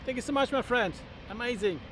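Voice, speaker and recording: A very high-voiced man hosts a casual livestream. He speaks effusively in short exclamations, with a faint wash of aircraft noise behind him. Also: fairly quick, a bit bright. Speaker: livestream host.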